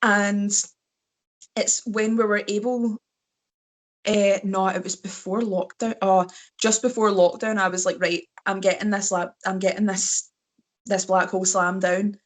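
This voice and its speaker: A Scottish woman in her thirties, a wrestler appearing as a podcast guest, tells rambling, self-mocking stories in a casual chat. Her voice is medium-pitched and level in tone, with a measured pace.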